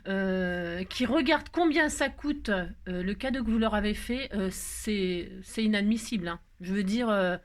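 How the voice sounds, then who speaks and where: A woman's voice: mid-range voice, measured pace, few pauses. A woman chatting casually to her viewers, rambling and joking with many fillers. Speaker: crafting vlogger.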